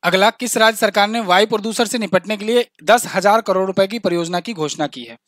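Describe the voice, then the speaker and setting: A man's voice: sits high, a little fast, fairly bright tone, no room sound, clean studio sound. A man teaching an exam-prep current affairs quiz lesson, chatty, repeating key facts and adding little jokes. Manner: repeats key facts, says "ठीक है ना" often.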